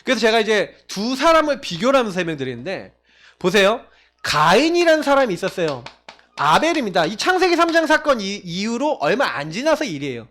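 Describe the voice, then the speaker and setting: Delivering a sermon a little quickly, this pastor's voice makes big pitch swings as he questions his congregation. He alternates forceful, emphasized lines with hushed asides.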